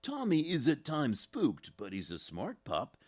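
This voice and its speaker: Animated male news storyteller. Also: mid-range voice, a little slow. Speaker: TV news reporter. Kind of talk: scripted narration.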